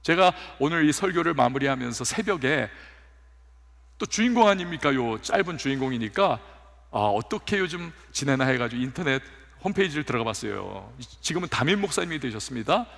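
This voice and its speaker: A male pastor preaching a sermon in a church, telling stories with lively acted-out quotes. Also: mid-range voice, a little fast, gravelly. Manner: animated storytelling with acted quotes. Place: church sanctuary. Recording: long hall reverb.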